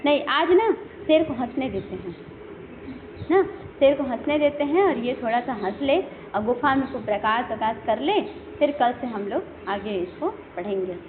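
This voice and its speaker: A woman with a high, bright voice teaches a Sanskrit lesson, spinning the story with lively, acted-out speech. The sound is narrow and phone-like, with a faint hiss under it. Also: normal speed. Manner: animated storytelling, acts out quoted speech. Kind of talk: storytelling lesson explaining verses.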